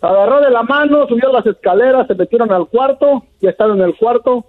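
A man's voice: very high-pitched, a little fast. Male caller on a tinny phone line. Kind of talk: telling a joke on the radio.

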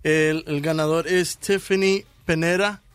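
Guy cohost on radio, slow and unhurried, kinda high lively voice. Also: clear, resonant tone. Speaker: radio co-host. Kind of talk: casual radio banter.

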